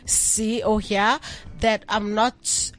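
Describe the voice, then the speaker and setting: A woman's voice: mid-range voice, little pitch movement, very slow. A young woman, a musician guest chatting playfully in an interview and laughing easily. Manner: playful, laughs often, drops local slang. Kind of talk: casual interview chat.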